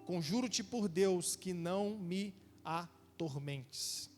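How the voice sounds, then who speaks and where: A man's voice: sits high, takes it slowly, a little mellow, soft background music. A man voicing a male demon who cries out and begs Jesus, heard in a long church reverb. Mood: pleading.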